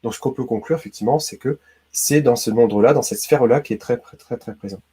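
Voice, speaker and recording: This Breton man, a YouTube host from Brittany, France, talks fast in a mellow, husky mid-range voice. Hosting a laid-back quiz video, he chats directly to the viewer and keeps dropping "hein" and "d'accord".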